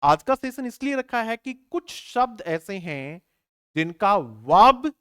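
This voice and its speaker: A man's voice: high voice, very animated, takes it slowly, fairly bright tone, clean tone. Male teacher quizzing his students. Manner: asks rhetorical questions and answers them himself; spells words out letter by letter. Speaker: English teacher. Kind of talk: online exam-prep lesson.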